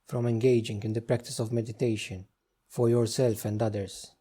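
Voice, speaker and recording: Guiding a meditation, a man speaks in a dark, relaxed, husky voice of medium pitch. He offers gentle instructions in short phrases, with unhurried pauses in between.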